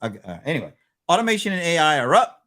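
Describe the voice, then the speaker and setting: Animated male co-host. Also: a little high, rapid-fire. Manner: animated, joking, talks through numbers with asides. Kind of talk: casual business chat.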